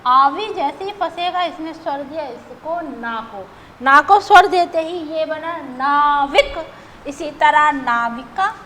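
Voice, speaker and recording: A woman's voice: high voice, lively intonation, slow pace, bright, forceful tone, a little hiss or hum, low-quality recording. A woman teacher explaining grammar step by step, patient, who often checks in with her students as she goes.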